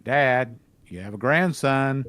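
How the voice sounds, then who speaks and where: A man reading as a flustered grown son who gives his lines in a hurried, matter-of-fact way. The voice stays in a middle pitch, close to an everyday speaking voice. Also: animated, a bit bright, dry recording. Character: adult son, flustered and calm. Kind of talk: comedic fanfiction reading.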